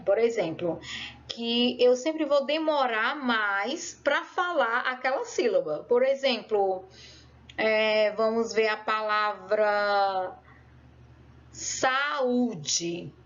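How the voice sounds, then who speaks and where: A woman teacher giving a remote lesson, explaining patiently and drawing out her words with lots of diminutives. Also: fairly high pitch. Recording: dull lo-fi recording.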